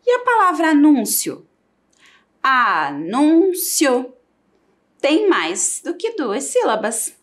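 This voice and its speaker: A woman with a Brazilian Portuguese accent teaching a televised primary school lesson, sounding out syllables for children. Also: high-pitched. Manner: slow, lively, sings out syllables for children.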